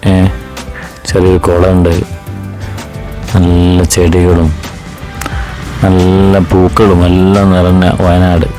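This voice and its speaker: A travel vlogger from Wayanad, Kerala, India, speaks with a Kerala Malayali accent in a low-pitched, dark-toned voice. His commentary is casual and enthusiastic, sprinkled with English words, over background music.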